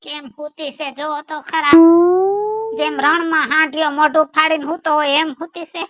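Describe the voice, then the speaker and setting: A man's voice: very high voice, level tone, normal speed, bright, forceful tone, faint music behind, full character voice. A man playing a grumpy old village man whose wife has left, complaining and cursing in a theatrical way. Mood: scolding. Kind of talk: rustic comedy sketch acting.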